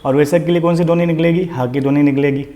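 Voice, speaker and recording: Patient and repetitive, a man teaches Sanskrit vocabulary online, posing questions to the listener and then answering them himself. His voice is a little high, steady, and warm, and he speaks quickly.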